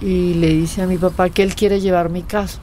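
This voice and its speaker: A woman's voice: lowish voice, moderate pace, a little hiss or hum. A woman recounting a personal story and acting out the quoted voices. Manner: acts out quoted voices, lively retelling. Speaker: interviewee telling her story.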